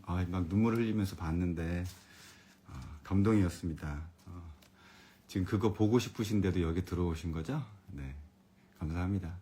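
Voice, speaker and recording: A male elementary education expert gives a friendly live-streamed lecture for parents, chatting with viewers and reading their comments aloud. His voice is low, calm and comfortable.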